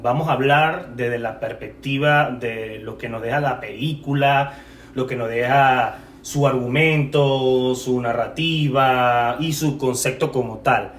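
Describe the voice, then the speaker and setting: A man's voice: mid-range voice, steady tone, a little slow, far from the mic. A man co-hosting a casual film podcast, rambling and correcting himself as he goes, laughing often. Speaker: podcast co-host. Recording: echoey room, off-mic, faint noise.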